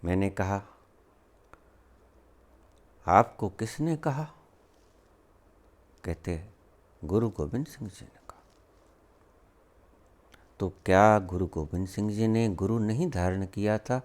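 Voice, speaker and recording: A man delivers a spiritual discourse slowly, with long pauses between words. His pitch swings widely as he fires off rhetorical questions and scolds emphatically. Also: lively intonation, darkish tone. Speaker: spiritual teacher.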